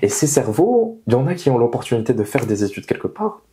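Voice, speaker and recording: A young engineer being interviewed explains his views earnestly and emphatically, repeating key phrases. His medium-pitched voice is very animated, quick, and dark in tone, recorded on a clip-on lapel mic in a small indoor meeting room.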